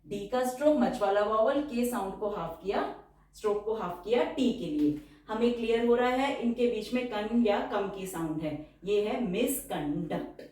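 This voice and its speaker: A woman teaching a shorthand lesson, explaining each stroke step by step and repeating each word slowly to dictate it. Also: mid-range voice, animated, darkish tone. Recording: distant, very echoey room.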